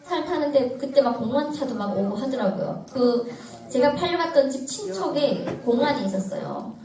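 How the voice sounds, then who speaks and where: A woman from Korea, giving a personal testimony to an audience in lively storytelling that breaks into laughter at tense moments. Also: high voice, normal speed, noisy background. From North Korea. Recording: echoey hall, mic at a distance, audience.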